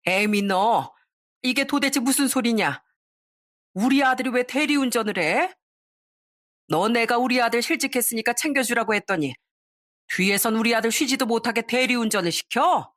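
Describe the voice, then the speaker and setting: A woman voicing a domineering older mother-in-law who yells and scolds in a raised, high voice. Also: lively intonation, moderate pace. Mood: furious. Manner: yelling, scolding.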